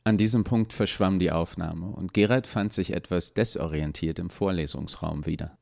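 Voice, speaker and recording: A man reads a story aloud in a calm, measured way, his voice sitting very low. The narration is scripted and steady. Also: vocal fry. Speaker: podcast narrator.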